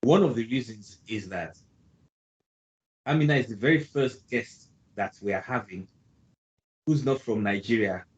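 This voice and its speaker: A man with a fairly low voice hosts an online interview and introduces his guest. He is jovial and rambling, correcting himself as he goes. The sound is dull and lo-fi. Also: measured pace, pauses often. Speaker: host.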